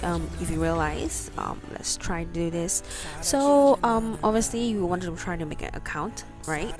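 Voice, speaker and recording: A woman with a lowish voice walks through an online tutorial in a casual, conversational way. She speaks with braces, so her words come out a little slurred, and she rambles hesitantly. Music plays clearly behind her. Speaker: online shopping tutorial presenter. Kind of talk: casual screen tutorial narration. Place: voice-over for a screen recording.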